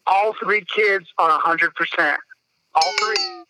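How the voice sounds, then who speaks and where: A man's voice: high voice, slow pace, sharp tone, no echo, low-quality recording. A man in his thirties hosting a podcast, telling a story in a casual, profane way. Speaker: podcast host.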